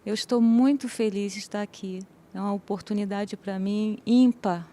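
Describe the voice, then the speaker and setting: A woman's voice: medium pitch, normal speed, dark tone. A woman from Rio de Janeiro with a Carioca accent, introducing herself as a guest in a composed, earnest way. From Rio de Janeiro, Brazil. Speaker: guest, lawyer.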